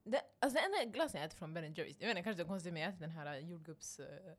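A woman's voice: on the low side, expressive. A young woman co-hosting a casual podcast, chatty and a little hesitant, often slipping into English. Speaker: podcast co-host. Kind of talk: casual chat among friends.

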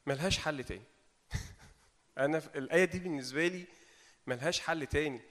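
A man with an Egyptian Arabic accent preaching an informal sermon, animated and asking his audience rhetorical questions. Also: fairly high pitch, a little fast, long reverb tail. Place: meeting hall.

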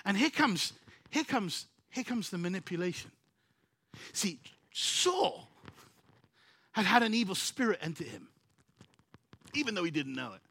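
A male preacher delivers a lively sermon, retelling scripture with animated storytelling and acted-out characters. His voice is high and bright. The sound is close and dry, with no room echo. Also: unhurried, long pauses, breathy edge. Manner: animated storytelling, acts out biblical characters, laughs often.

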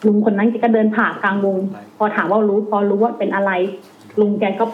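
A woman telling a ghost story in casual, animated chat, acting out voices as she goes. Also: mid-range voice, brisk. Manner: animated, acts out quoted voices in dialogue. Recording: tinny phone line with faint hiss.

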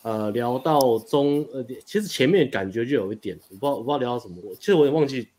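A man's voice: mid-range voice, animated, dark tone, slight background noise. A young man, a dating coach, telling a story in casual chat, rambling and restarting as he goes. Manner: rapid, rambling retelling with frequent restarts and laughs.

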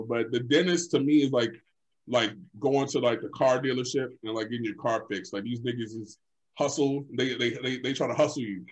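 A young man co-hosting a casual chat, telling stories in an animated, profane way, full of filler phrases. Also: medium pitch, low-quality recording. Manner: animated, profane storytelling full of "like" and "you know what I'm saying".

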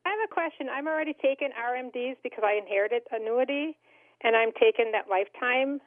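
A woman's voice: on the high side, fast talker, no room sound. A woman calling in to a radio show, heard over a phone line, politely and hesitantly asking a question. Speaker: radio call-in caller. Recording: tinny phone line, from far off.

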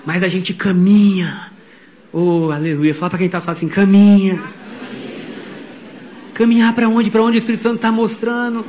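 A middle-aged man, preaching a sermon and telling stories in a lively way. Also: high-pitched, brisk. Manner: animated storytelling, voicing quotes. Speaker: pastor.

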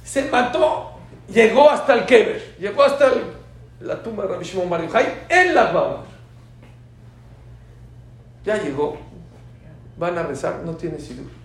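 A man teaching a sermon full of stories, swinging between soft asides and loud emphatic bursts. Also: high voice, big pitch swings, unhurried, pauses often. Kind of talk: sermon with storytelling. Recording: very echoey room from far off, faint hiss.

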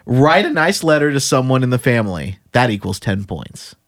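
A man's voice: medium pitch, sing-song, normal speed. A man co-hosting a casual chat, reading items from a list aloud and laughing often.

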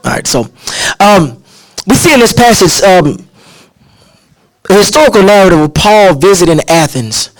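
A man preaching an Easter sermon as pastor, reading scripture earnestly and then slipping into relaxed, casual asides to his church. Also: high voice, normal speed, pauses often, no echo, rough recording.

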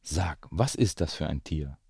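A man's voice: rumbling low, lively intonation, measured pace, dark tone, breathy edge, dry recording, clean studio sound, full character voice. A man voicing a coaxing snake in a rhyming children's story, drawing out his words. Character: slithery snake, coaxing and sly.

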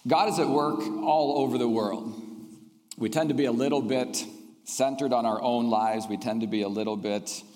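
The long reverb of a hall surrounds a math teacher in his fifties, raised in Indonesia, as he speaks at normal speed in a mid-range, slightly mellow voice. His chapel talk to the school community is earnest and reflective, punctuated by frequent ums.

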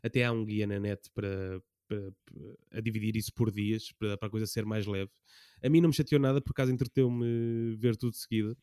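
A man co-hosts a casual podcast about films. His voice is crisp and sits in a very dry, close sound. He explains things conversationally, often doubling back on his words. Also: on the low side, fairly even intonation, fast talker, warm tone, no room sound. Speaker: podcast co-host. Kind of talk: casual film discussion.

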